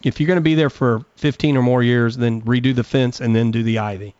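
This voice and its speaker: A man's voice: mid-range voice, steady tone, a little fast, a little mellow, dry recording, dull audio. A man hosting a radio gardening call-in show, giving direct, folksy advice. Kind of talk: radio call-in talk and live ad read.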